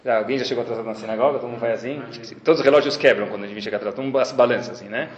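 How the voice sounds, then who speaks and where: A man's voice: medium pitch, very fast, lo-fi sound. A man, a rabbi giving a lecture with anecdotes and acting out dialogues. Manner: animated storytelling, acting out dialogues. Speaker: rabbi teaching a class. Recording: roomy echo.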